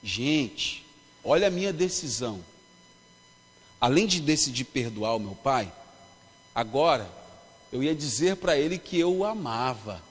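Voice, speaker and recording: A man's voice: mid-range voice, lively intonation, unhurried, long pauses, husky. A man with a Brazilian accent preaching a sermon, telling a personal story and calling the congregation brothers. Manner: storytelling, emphatic, calls the congregation "irmãos". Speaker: pastor. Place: church hall at a youth congress. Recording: long reverb of a church hall.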